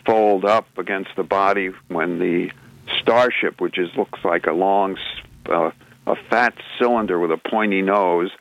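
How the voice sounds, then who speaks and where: A man's voice: low-pitched, measured pace, dry recording, lo-fi sound. A man co-hosting a radio talk show, explaining the news in a rambling way full of restarts and filler sounds. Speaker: radio show co-host presenting news segments. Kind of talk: casual radio chat.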